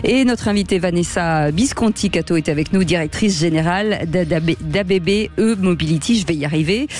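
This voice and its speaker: French radio host guy, voice a bit high, trips over names, lots of euh. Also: brisk. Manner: friendly, stumbling, many fillers. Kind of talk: radio talk show hosting.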